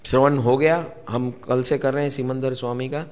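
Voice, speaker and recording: A man's voice: medium pitch, steady tone, moderate pace, darkish tone, clear, resonant tone. A man giving a spiritual discourse to a live gathering, repeating key words and putting questions to his listeners. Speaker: spiritual teacher. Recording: long hall reverb.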